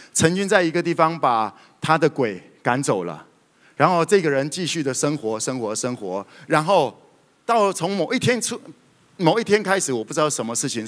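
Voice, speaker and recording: A man preaching a sermon, telling stories in a lively way with sudden loud outbursts. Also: on the high side. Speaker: pastor. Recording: reverberant hall.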